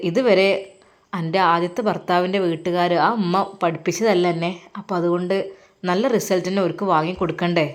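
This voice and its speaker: Kindly comforting uncle, a woman doing him, soft coaxing delivery. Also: lowish voice, close to an everyday voice. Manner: soothing, coaxing. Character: gentle middle-aged uncle, tender and comforting.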